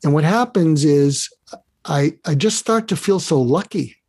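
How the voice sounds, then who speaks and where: A man talks as a podcast guest in a fairly high voice, earnestly walking the listener through an exercise. He often repeats words as he restarts his phrases. The sound is dry and close. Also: expressive, unhurried, a little mellow, slightly rough, no room sound. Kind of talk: casual interview talk.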